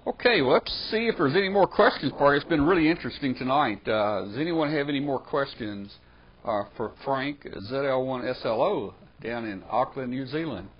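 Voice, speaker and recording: Man hosting a live webcast, casual, mid-pitched, slightly lo-fi sound. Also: lively intonation, slightly rough. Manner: easygoing, many fillers and trailing pauses. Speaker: host of ham radio webcast. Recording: slightly dull webcast audio with faint noise.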